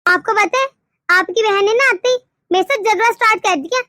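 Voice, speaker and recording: A woman's voice: very high-pitched, a little fast, bright, forceful tone, no echo, studio quality. Woman voicing a whiny young cartoon wife. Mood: complaining. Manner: whiny, indignant. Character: young wife, complaining and sharp-tongued. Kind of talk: cartoon story voice acting.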